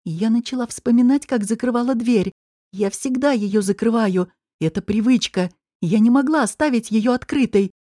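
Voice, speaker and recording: A woman reads a first-person audiobook in an even, measured way. Her voice sits slightly high, with a dark, mellow tone. The recording is close and dry. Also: no room sound. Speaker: audiobook narrator.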